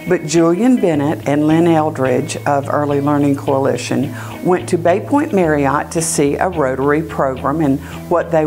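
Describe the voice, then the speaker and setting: An older woman of great-grandmother age speaking as a volunteer in a conversational, personal testimonial style. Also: deep voice. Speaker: volunteer reader speaking about a community reading program. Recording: music bed under the voice.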